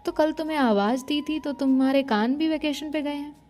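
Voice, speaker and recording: Woman narrator doing a bossy young woman telling someone off, high voice, mellow. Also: brisk, faint music behind, close to an everyday voice. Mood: scolding. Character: bossy scolding young woman, hands on hips.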